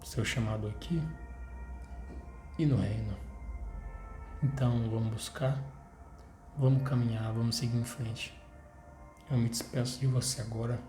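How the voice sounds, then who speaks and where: A man's voice: medium pitch, fairly even intonation, unhurried, pauses often, dark tone. A young man in his twenties with a Brazilian Portuguese accent, giving an earnest personal faith testimony to his viewers and repeating phrases as he urges them on. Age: 20s. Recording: roomy echo, faint music behind.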